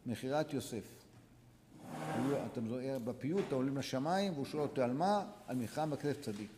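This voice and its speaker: A man, a rabbi, teaching a religious lesson to students, urging them on with repeated short commands and sudden swings between quiet and loud. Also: mid-range voice, expressive, background noise. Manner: exhorting, repetitive, sharp swings from soft to loud. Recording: long hall reverb.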